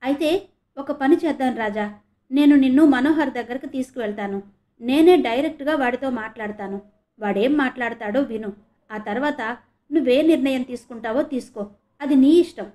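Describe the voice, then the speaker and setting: Brief: woman narrator doing a sly young man, taunting and needling, a little raised in pitch, audio novel. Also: normal speed, a little mellow, lightly acted. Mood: coaxing. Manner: sneering, needling.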